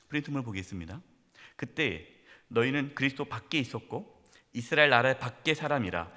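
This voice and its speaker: A middle-aged male pastor with a fairly high voice delivers a sermon, rising to forceful rhetorical questions and dropping to hushed near-whispers. His voice rings with the long reverb of a church sanctuary. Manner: swings between loud emphatic questions and hushed near-whispers.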